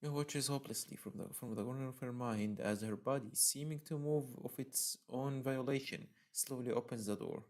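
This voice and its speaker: Casting: male game streamer, dramatic reader of visual novel text, given to emotional outbursts, mid-pitched voice. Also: moderate pace, few pauses, a little mellow.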